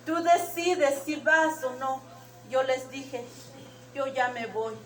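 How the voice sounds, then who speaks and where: High-voiced woman giving church testimony. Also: takes it slowly, a bit bright, a little hiss or hum. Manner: emotional, retells dreams and quotes. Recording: echoey room, distant mic.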